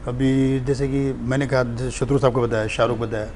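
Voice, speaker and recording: A man's voice: medium pitch, fairly quick, a little hiss or hum. A man, a stand-up comedian and mimic, telling stories animatedly in a casual interview. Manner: animated storytelling.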